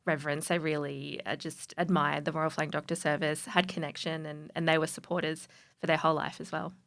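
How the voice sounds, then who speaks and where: An Australian woman talks as a guest on a radio interview in a fairly low voice with a gravelly, creaky edge. Her delivery is friendly and earnest, with the odd restart as she explains. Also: level tone, fairly quick, fairly bright tone. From North Queensland, Australia. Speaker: guest, charity supporter specialist.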